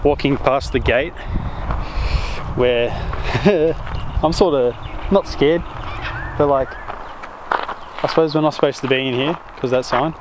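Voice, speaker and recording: A man's voice: mid-range voice, slow pace, long pauses. Laid-back Australian guy vlogging. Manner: laid-back, rambling with fillers and swearing. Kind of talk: casual vlog chat. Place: car interior, then outdoors on a site. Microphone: action camera, fisheye. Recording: noisy car and outdoor ambience.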